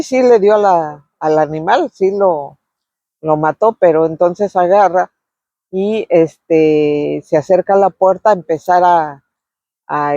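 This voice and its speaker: A middle-aged woman, fondly telling memories of her youth in a casual, unhurried way, pausing often on filler words. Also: on the low side, mellow, no room sound, dull audio. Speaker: vlogger sharing memories. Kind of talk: casual reminiscing storytelling.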